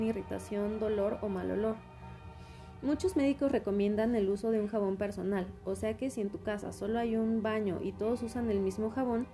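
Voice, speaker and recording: A woman hosts an educational talk, speaking in a clear, instructive way to a young audience. Her voice is warm and mellow rather than bright. Faint music plays underneath. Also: mid-range voice. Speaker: host. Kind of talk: scripted educational presenting.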